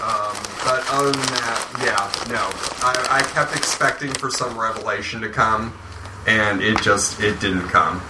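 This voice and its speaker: A man's voice: on the low side, steady tone, a little slow. A man chatting casually as a podcast co-host, rambling with many ums and uhs. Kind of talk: casual group chat. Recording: roomy, somewhat distant mic, faint noise.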